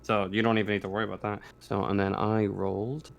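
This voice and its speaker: Acting as game master for a tabletop roleplaying game, a man narrates and makes rulings in a casual, halting manner, repeating phrases. His voice is lowish, level and creaky, with a noisy background.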